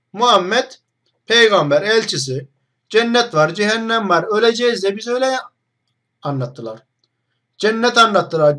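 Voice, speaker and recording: A man's voice: high voice, fairly bright tone. A young man hosting an online video, talking straight to the camera in a mocking, combative monologue full of rhetorical questions.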